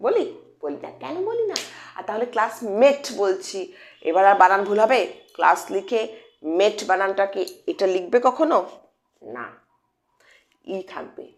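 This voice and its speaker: A woman's voice: medium pitch, measured pace, pauses often. A woman teaching English phonics to children in Bengali with a Bengali accent, patiently repeating key points and asking her pupils questions. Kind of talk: explanatory lesson for children. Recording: echoey room.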